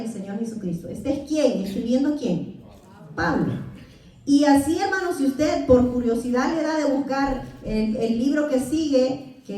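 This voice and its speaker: A woman's voice: high-pitched, warm tone. Salvadoran woman teaching in an echoey hall. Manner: questions the class, answers with amen. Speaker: Bible institute teacher. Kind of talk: church Bible class teaching. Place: church hall. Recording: echoey church hall from far off.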